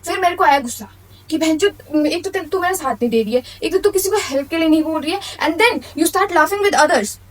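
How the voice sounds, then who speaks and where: A woman's voice: very high-pitched, expressive, normal speed, distant mic. A young woman vlogger venting in a blunt, slangy storytime monologue, mixing English phrases into her speech.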